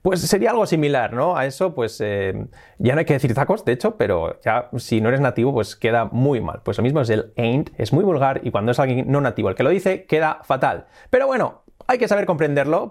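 Lively teacher explaining English slang. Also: male voice, medium pitch, fairly quick. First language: Spanish. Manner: lively, emphatic, repeats words and example phrases. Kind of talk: online video lesson.

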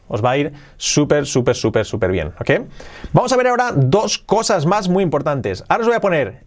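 Male podcast English teacher, mid-range voice, explanatory classroom delivery with slow drilled examples. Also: medium pitch. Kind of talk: Spanish-language English lesson.

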